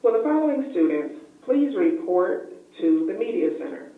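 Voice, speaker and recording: A school announcer heard over the intercom loudspeaker, politely reading out a steady list of names. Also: mid-range voice, moderate pace. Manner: polite, steady roll call. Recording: tinny, echoey loudspeaker heard from far off.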